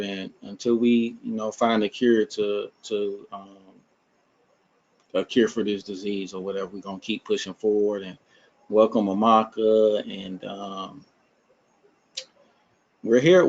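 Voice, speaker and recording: Low-voiced man with an Alabama accent. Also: steady tone, a little slow, a little mellow. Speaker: support group host. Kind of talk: casual talk in an online support meeting. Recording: muffled video-call audio.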